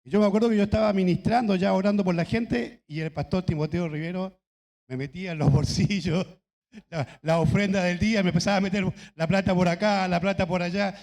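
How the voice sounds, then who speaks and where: A middle-aged man from Chile preaches at a church anniversary, his voice pitched a little high. He tells his stories in a relaxed, chatty way, and a long church-hall reverb trails after his words. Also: a little fast, creaky. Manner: conversational storytelling with laughs and asides. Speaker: pastor. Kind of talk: anniversary sermon with anecdotes.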